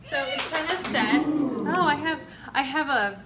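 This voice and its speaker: A woman's voice: sits high, animated, moderate pace, over a noisy crowd. A woman hosting a casual home baking demonstration in a chatty, informal, upbeat way. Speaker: home baking show host. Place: indoor home kitchen. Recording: echoey room, distant mic, clear noise.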